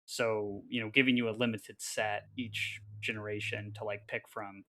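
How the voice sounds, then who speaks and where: Bright-voiced man explaining on a podcast. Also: lowish voice, little pitch movement, normal speed. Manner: thoughtful, explaining with many ums. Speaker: podcast panelist. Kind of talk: casual chat.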